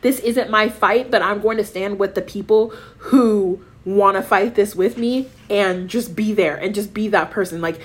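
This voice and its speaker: A woman's voice: mid-range voice, normal speed, few pauses. An American woman talks as a podcast co-host. Her speech is informal and impassioned, with emphatic, repeated rallying phrases and blunt swearing. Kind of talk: casual, impassioned podcast talk.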